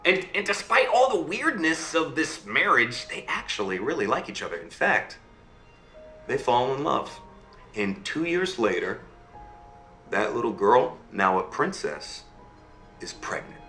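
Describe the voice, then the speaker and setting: Over a video call, a father tells his child a fairy tale as a bedtime story, voicing the characters and checking in with "okay" and "right." His mid-range voice is unhurried and sharp-toned, with big pitch swings, reverb, and soft background music.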